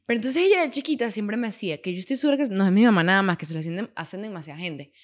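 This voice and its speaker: A woman's voice: medium pitch, expressive, rapid-fire. A young woman, co-hosting a podcast in frank, bantering casual chat. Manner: frank, banters, blunt slang. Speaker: podcast co-host.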